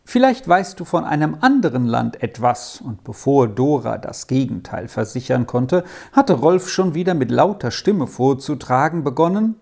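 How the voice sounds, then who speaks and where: Low, gravelly woman reading a storybook. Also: big pitch swings, normal speed, hardly any pauses, darkish tone. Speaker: audiobook reader. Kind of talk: storybook narration.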